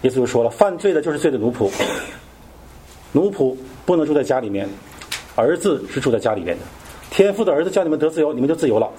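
A man's voice: on the high side, sing-song, fast, mellow, slight background noise. A man teaching a Bible study in a casual, conversational way, often asking his listeners questions.

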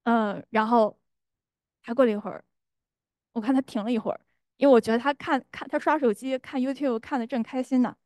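一位年轻女性在教会里分享个人见证，语气真诚，夹杂不少停顿和口头语，还会模仿心里的声音。. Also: female voice, on the high side, steady tone, fairly quick, long pauses, darkish tone, no echo. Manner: earnest, many fillers, acts out inner voices. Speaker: church member giving testimony. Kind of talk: church testimony.

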